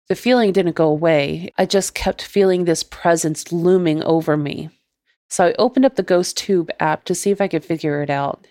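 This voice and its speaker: A woman podcast host narrating her own ghost story in a measured, deliberate way. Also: fairly low pitch, darkish tone, no echo, clean studio sound.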